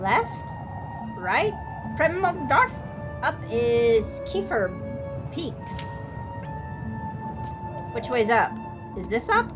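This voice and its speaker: Woman let's-player, sarcastic, swears, high lively voice, game music behind. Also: very slow, pauses often. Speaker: gameplay commentator. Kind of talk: casual let's-play commentary.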